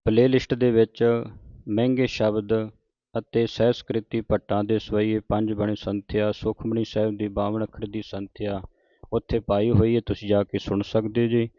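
A man with a Punjabi accent teaching scripture pronunciation, reading lines slowly and correcting each word in a measured way. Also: on the low side, flat delivery, mellow, no room sound. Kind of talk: recitation lesson, slow chanted readings. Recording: dull, lo-fi dry sound.

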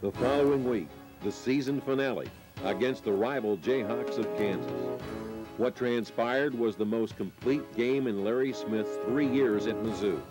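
An American man reading scripted sports highlight narration in measured, dramatic phrases with pauses. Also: music in the background, low-quality recording.

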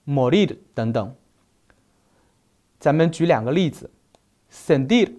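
Slow, measured male language teacher. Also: a little high, mellow. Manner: slow, deliberate, spells out verb forms one by one. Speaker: Spanish teacher. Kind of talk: recorded grammar lesson.

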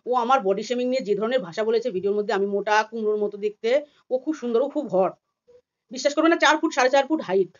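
A woman from India tears through a heated vlog rant at breakneck speed, her voice sitting a little high. She slips into other people's voices as she retells a quarrel. The audio is dull and lo-fi. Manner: rapid and agitated, acting out quoted voices. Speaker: vlogger.

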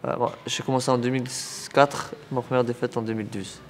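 A young man talks about boxing in a casual, halting way, repeating words when he gets excited. His voice carries a long reverb from a boxing gym hall. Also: medium pitch, slight background noise. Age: young adult. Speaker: boxer and club coach. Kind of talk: casual interview.

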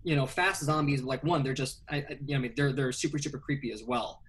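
A man in his thirties from Indonesia, an animated filmmaker hosting a casual video-call interview from a small bedroom, talking with many fillers. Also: mid-range voice, quick pace, a little hiss or hum, low-quality recording. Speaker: filmmaker and host. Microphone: webcam video call.

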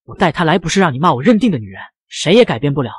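A confident young heir, doting and a little vain, who teases the woman he loves, voiced by a male narrator. The lines come fast and bouncy, with a breathy huskiness. The sound is dry and close, like a comic storybook read-aloud. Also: fairly high pitch, very animated, dry recording, exaggerated voice. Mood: teasing. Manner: teasing, self-assured. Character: doting, cocky young rich man in love.

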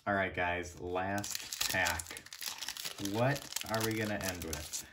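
A young man with a slightly low voice talks informally to his viewers. He comes across as a laid-back channel host giving easygoing commentary on what he is opening. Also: slow pace, background noise. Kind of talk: casual unboxing commentary.

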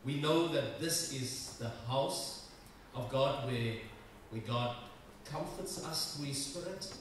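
A middle-aged man with a South African accent, a pastor welcoming the congregation and giving announcements, hesitant with many ums and restarts. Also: a little high. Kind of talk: church service welcome and announcements. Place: large wood-panelled church. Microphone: stand mic at lectern. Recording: echoey church from far off, background noise.

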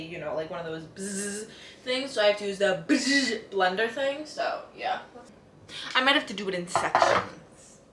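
Her voice mid-range and a bit bright, a young adult woman chats informally to camera while cooking at home, using slang and voicing her thoughts in a casual vlog. The camera is placed a step away, and the room is echoey, with faint noise and kitchen clatter.

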